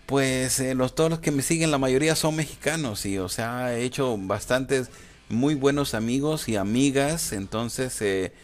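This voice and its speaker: Over gameplay footage, a Guatemalan man chats casually as a YouTuber fielding viewer questions. He speaks at normal speed and medium pitch, hesitant and informal, repeating himself and using slang, with clear background noise in the recording.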